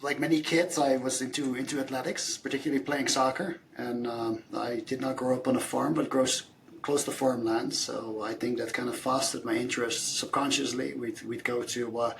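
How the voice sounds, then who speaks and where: A man's voice: medium pitch, fairly even intonation, moderate pace, creaky, a little hiss or hum. Man in his thirties, hesitant. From Netherlands. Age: 30s. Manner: hesitant, many fillers and restarts. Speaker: nutrition scientist guest. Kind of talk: casual podcast interview.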